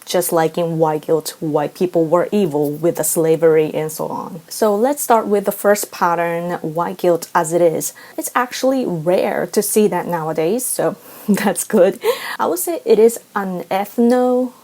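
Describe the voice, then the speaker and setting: Toned-down Japanese-accented woman, lowish voice. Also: unhurried. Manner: toned down, quiet late-night voice. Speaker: vlog host. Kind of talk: talking to camera, opinion commentary.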